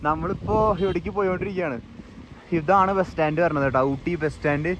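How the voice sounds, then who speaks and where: High-pitched young Malayali man vlogging, English mixed in. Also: fast. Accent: Kerala Malayali. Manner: mixes English words and slang into Malayalam; excitable, exclamatory, addresses viewers often. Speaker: travel vlogger. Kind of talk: casual travel vlog chat to viewers. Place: mostly outdoors on town streets. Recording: noisy outdoor ambience with vehicle sounds.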